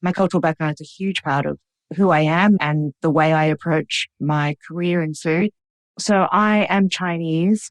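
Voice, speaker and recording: A guest cook and writer with an Australian accent speaks reflectively in a conversational interview, leaning heavily on "like" and "you know." Her voice is low-pitched, and the dry recording has poor audio quality.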